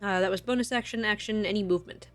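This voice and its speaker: A woman's voice: mid-range voice, fast talker, faint music behind. A woman acting as game master, narrating a tabletop game in a casual way with easy laughs between rules calls.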